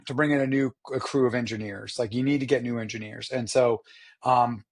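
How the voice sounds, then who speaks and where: Hoarse, enthusiastic man chatting about motorsport. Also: medium pitch. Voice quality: hoarse, rough voice. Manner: rambling, enthusiastic, slangy. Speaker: podcast co-host. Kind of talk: casual motorsport chat.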